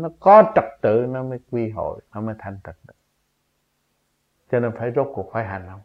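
A man giving a spontaneous religious teaching, emphatic and full of rhetorical questions, his voice jumping up on key points. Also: medium pitch. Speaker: spiritual teacher. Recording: dull lo-fi recording.

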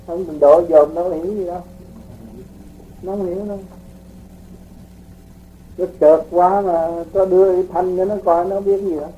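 A man teaching spiritual practice in a relaxed, folksy way, explaining with homely examples to his students. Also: high-pitched, normal speed, pauses often, phone-quality sound, slight background noise. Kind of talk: casual spiritual teaching talk.

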